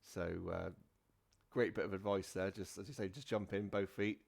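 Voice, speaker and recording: A man in a relaxed podcast chat, hosting as a dungeon master. His voice sits fairly low, and he rambles, restarting sentences and filling gaps with ums. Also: normal speed, creaky. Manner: rambling, many fillers and restarts.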